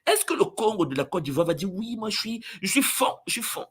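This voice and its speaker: A man addressing spiritual followers, jumping between booming exclamations and low asides, often acting out other people's voices. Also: big pitch swings, a little fast, fairly bright tone, husky. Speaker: spiritual teacher.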